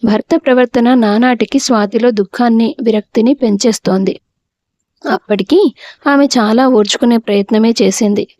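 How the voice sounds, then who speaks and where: A woman reading a family drama story aloud as a narrator, steady and scripted. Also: fairly high pitch, moderate pace, no room sound.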